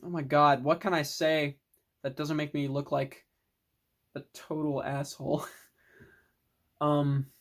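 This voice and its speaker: A young adult film collector talks through favorite movies in a loose, unscripted way. The delivery is enthusiastic and rambling, with mild swearing. The pitch sits at an ordinary middle level. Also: flat delivery, takes it slowly, pauses often. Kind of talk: casual film review monologue.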